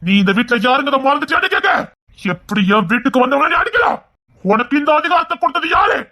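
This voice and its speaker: A stern man who heads the household, as a woman puts him on, bellowing demands at a high pitch that swings widely with anger. He is a commanding audio-drama figure. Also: lively intonation, quick pace, full character voice. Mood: enraged. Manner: shouting, commanding. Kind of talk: Tamil audio drama acting.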